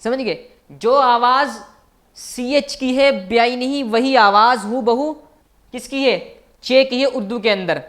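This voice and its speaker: A man's voice: extremely high pitch, steady tone, measured pace, a bit bright. A man teaching as a language teacher in a recorded online lecture, patiently repeating each point and asking his viewers questions.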